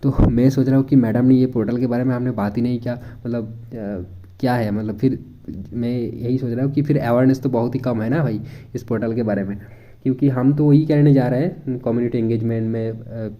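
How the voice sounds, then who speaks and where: A man's voice: medium pitch, lo-fi sound. A young man from India walking viewers through a website in a casual, chatty way, mixing Hindi and English and thinking aloud with frequent fillers. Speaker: education YouTuber. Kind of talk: casual screen walkthrough.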